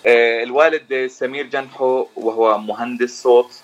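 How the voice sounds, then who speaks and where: A man's voice: mid-range voice, fairly even intonation, moderate pace, dull audio. A young man with a Jordanian Arabic accent, speaking casually as a singer interviewed on a show. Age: young adult. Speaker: guest singer and musician.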